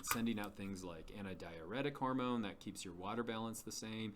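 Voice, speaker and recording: A man lecturing in a clear explanatory style, plain-worded and didactic, posing questions and answering them himself. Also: on the low side, a little fast, fairly bright tone, slight background noise. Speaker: science lecturer.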